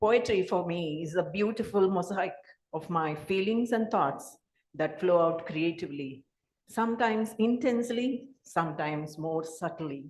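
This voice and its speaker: A woman poet giving a formal, measured prepared speech at a literary event. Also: lowish voice, darkish tone. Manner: slow, measured, formal delivery. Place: hall. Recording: echoey hall.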